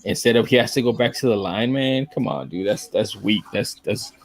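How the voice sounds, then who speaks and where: A man's voice: on the low side, a little fast. Laid-back man talking fights. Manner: animated, says "man" and "dude" often, acts out quotes. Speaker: podcast co-host. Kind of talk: casual fight talk.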